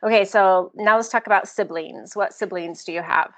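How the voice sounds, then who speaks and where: A young adult American woman hosts a book podcast, chatty and effusive as she interviews a guest in a casual conversation. Her voice is medium-pitched and a bit bright, at normal speed.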